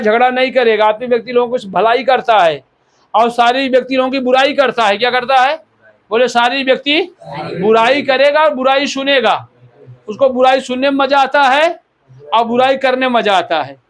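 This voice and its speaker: A man's voice: extremely high pitch, fairly bright tone. A man from India preaching a sermon as pastor, exhorting the listeners and repeating key words for emphasis.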